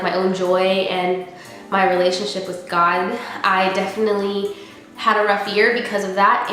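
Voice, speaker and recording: A woman's voice: mid-range voice, fairly bright tone. A young woman who is congested with a cold, talking casually and earnestly in a reflective vlog and often dropping in "like" as a filler. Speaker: vlogger. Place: unfurnished apartment room, indoors. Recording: very echoey empty room, music underneath.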